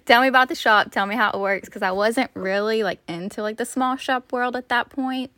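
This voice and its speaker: A woman's voice: a little high, fairly quick, pushed and bright, dry recording. A woman co-hosting a podcast, telling a story in casual chat and leaning heavily on "like". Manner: storytelling, heavy use of "like". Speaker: podcast co-host.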